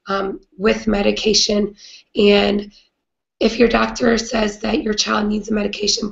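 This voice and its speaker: A woman with a raspy, hoarse voice from a cold, hosting a live video chat in an earnest way with many "um" fillers. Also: medium pitch, muffled recording. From not British. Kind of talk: casual live-stream talk.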